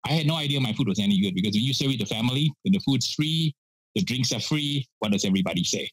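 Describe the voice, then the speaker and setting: On a casual podcast, a pitmaster guest in his sixties from Penang, Malaysia, tells stories with expressive, quick delivery in a medium-pitched voice. He laughs often and fills his talk with "uh," and the recording is dry and rough.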